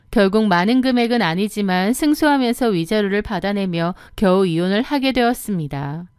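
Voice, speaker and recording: A woman narrating a first-person story as an audiobook, in a calm, even storytelling manner. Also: mid-range voice, smooth, no echo, clean studio sound.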